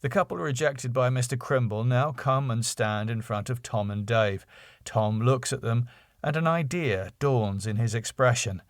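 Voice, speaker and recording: A man, the writer and narrator, reads a comedy script aloud, including its scene headings and stage directions. His mid-range voice moves at a normal speed. The studio-quality recording has no room sound.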